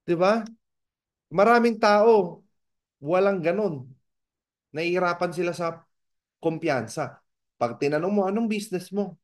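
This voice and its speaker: Animated Filipino mentor, fairly high voice. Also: male voice, measured pace, pauses often. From Philippines. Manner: animated, acts out dialogues in raised voices; addresses the audience directly with rhetorical questions. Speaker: business mentor. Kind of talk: motivational seminar talk.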